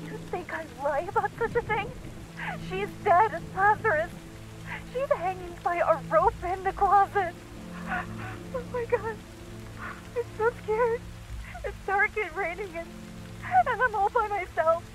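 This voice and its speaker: A woman's voice: very high voice, normal speed, music in the background, poor audio. An actress playing a frightened young woman who pleads with her brother to come home, in a video game. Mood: scared. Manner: pleading, desperate, turns bitter.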